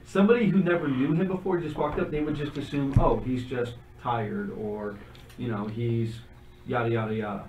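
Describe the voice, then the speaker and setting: A man's voice: medium pitch, a little fast, a little mellow, echoey room, recorded from a distance, low-quality recording. A man narrating as game master of a tabletop game, describing things in a loose, conversational way.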